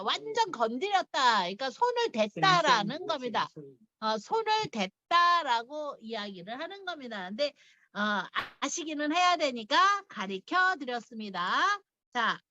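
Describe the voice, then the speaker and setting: A middle-aged woman teaching a casual language lesson, chatty and quick to laugh, explaining things step by step. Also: high-pitched, pushed and bright, dry recording, muffled recording.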